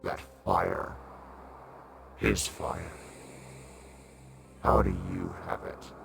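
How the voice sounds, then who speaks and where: An ancient, imperious spirit with an extremely deep, gravelly voice morphed by a voice changer. It delivers slow, cryptic, solemn pronouncements that swing widely in pitch, with music behind. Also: male voice, huge pitch swings, slight background noise, exaggerated voice. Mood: ominous, accusing. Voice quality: gravelly, monstrous. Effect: voice changer pitched far down. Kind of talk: tabletop role-play.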